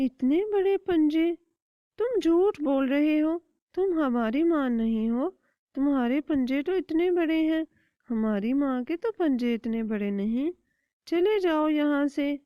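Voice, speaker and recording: Cartoon baby chick, clever, defiant, high squeaky voice, voiced by a woman, dry. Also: expressive, dry recording. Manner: sharp, insistent questions. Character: clever bold little chick. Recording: dull dry lo-fi recording.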